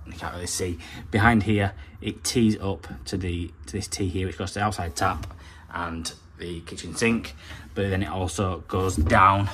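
Chatty plumber vlogging. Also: male voice, low-pitched, a bit bright, a little hiss or hum. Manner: chatty, practical, explains step by step. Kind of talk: casual vlog narration. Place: factory floor, then a house kitchen.

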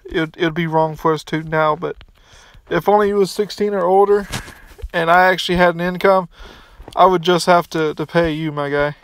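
A man's voice: sits high, a bit bright. A young man casually commenting on his gameplay, rambling and restarting his sentences, recorded on a phone outdoors by a pool. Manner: rambling, restarts often, mildly crude. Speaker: gaming YouTuber.

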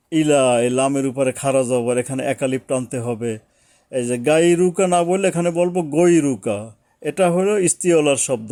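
A man gives a slow, patient recitation lesson, pausing often and repeating syllables to demonstrate each sound. His voice is mellow and unhurried. The recording is dry and close, with no room sound. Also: medium pitch, dry recording. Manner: slow, patient explaining with pauses. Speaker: Quran recitation teacher.

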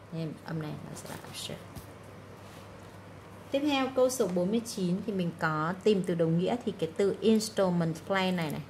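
A woman teacher with a fairly low voice walks through the answers of an English exam one by one, pausing often to check that her students follow. A faint room hum sits under her voice. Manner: explanatory, frequent "đúng không?" check-ins.

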